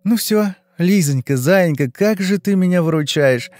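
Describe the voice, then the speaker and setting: A man's voice: high-pitched, animated, a little mellow, no echo, voice pushed up. Man doing a chirpy gossiping young woman. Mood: gushing. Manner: chirping, fast-flowing, fawning.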